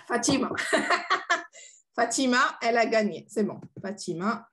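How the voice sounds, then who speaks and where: Slow-spoken woman teaching an online class. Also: on the high side, animated, a bit bright. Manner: playful, encouraging, laughs often. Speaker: French teacher. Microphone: video call.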